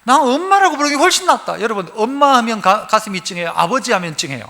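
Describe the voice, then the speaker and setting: A male pastor giving a sermon, animated, asking the congregation questions as he preaches. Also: very high voice, fast. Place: church sanctuary. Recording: reverberant church hall.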